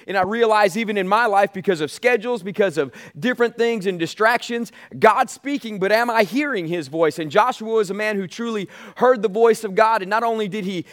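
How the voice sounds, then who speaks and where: An American man delivers a sermon in a high-pitched voice. He exhorts his listeners like a pastor, pressing key phrases by repeating them and calling for agreement. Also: brisk, hardly any pauses, a bit bright. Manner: exhortative, calls on listeners to say amen; emphatic repetition of key phrases. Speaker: pastor preaching to a congregation.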